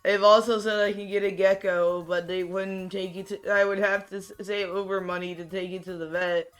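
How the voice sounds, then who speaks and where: Chatting offhandedly as he plays, a streamer speaks in a gravelly monotone that feels sleepy and low-key. He moves at a moderate pace, rambles, and often starts sentences over while soft music plays underneath.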